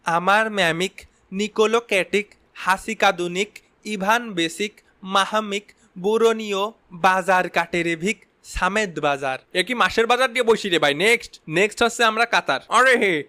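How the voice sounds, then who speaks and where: Man, high bright voice, fast bickering sketch banter. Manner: rapid, quarrelsome comic banter with punning name jokes. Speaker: comedy sketch performer. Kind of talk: comic sketch, switching between bickering characters.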